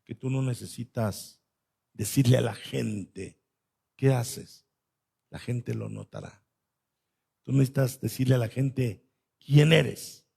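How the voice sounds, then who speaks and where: A man preaching a sermon, swinging between loud stresses and soft asides. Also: mid-range voice, steady tone, a little slow, vocal fry, breathy edge. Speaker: pastor.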